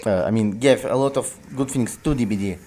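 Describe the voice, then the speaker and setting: A man with a Russian accent, a native Russian speaker, talking casually over gameplay footage in a hesitant, halting way with frequent restarts. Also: lowish voice, warm tone. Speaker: gaming video creator.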